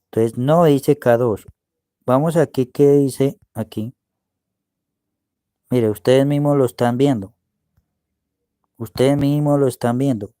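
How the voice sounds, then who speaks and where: Recorded dry and at studio quality, a man with a medium-pitched, warm, clean voice teaches Bible words while walking his audience through a screen share. His manner is slow and explanatory, and he repeatedly asks "¿ve?" to make sure they can see.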